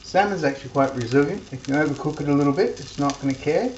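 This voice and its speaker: A low-pitched woman talks quickly on a muffled recording, a cooking vlogger chatting homely as she cooks in her own kitchen. It's a casual cooking demonstration, with a pan sizzling loudly and the room echoing.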